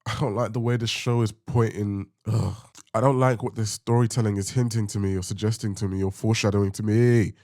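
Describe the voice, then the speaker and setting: A man's voice: lowish voice, steady tone, a little fast, few pauses, darkish tone, no echo, clean studio sound. A man giving casual reaction commentary as host, musing aloud in informal language.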